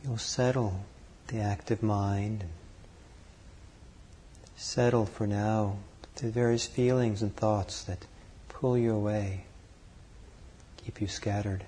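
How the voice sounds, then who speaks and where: A man leading a guided meditation, calm and unhurried, speaking in short phrases with long pauses between them. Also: lowish voice, a little hiss or hum. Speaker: meditation teacher.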